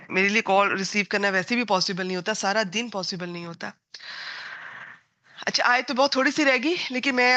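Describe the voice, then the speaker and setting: A woman's voice: mid-range voice, pushed and bright, no room sound. A middle-aged woman from Pakistan, a native Punjabi speaker, teaching a Quran grammar class in an earnest, digressive way, mixing in English words. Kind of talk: online class lecture.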